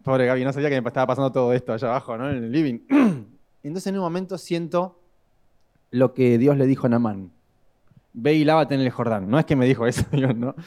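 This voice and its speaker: A young man with a Rioplatense Spanish accent preaching a sermon, telling stories dramatically and swinging between loud and hushed delivery. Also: medium pitch, fairly quick. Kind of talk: sermon with storytelling.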